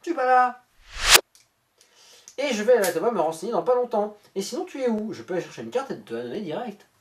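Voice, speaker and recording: A woman's voice: medium pitch, big pitch swings, fast talker, very noisy. A woman YouTuber reading a scam chat aloud, switching between mock voices and sarcastic, casually sweary asides.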